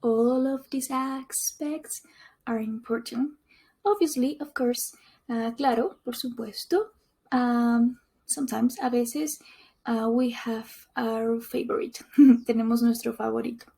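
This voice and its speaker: Slow, soft-voiced woman language teacher. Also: on the high side, fairly even intonation, vocal fry, breathy edge. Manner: repeats each point in Spanish and English. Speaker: Spanish teacher. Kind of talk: bilingual language lesson.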